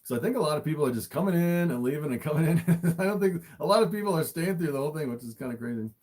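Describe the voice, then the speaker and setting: Higher-pitched man chatting casually on livestream. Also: animated, rapid-fire, darkish tone. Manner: easily amazed, often chuckling between remarks. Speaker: snake keeper hosting a livestream. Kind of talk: casual livestream chat, showing animals to viewers.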